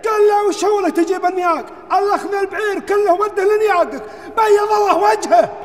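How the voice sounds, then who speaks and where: A man playing an effusive Bedouin tribesman in sketch comedy, loud with flattery, speaking with a Gulf Bedouin Arabic accent. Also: very high voice, fast talker. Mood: loud proclaiming.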